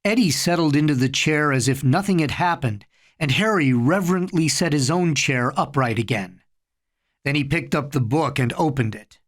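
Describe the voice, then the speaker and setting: A man reading a story aloud in a slow, measured narration. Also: fairly high pitch. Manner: slow, measured reading with soft voiced dialogue.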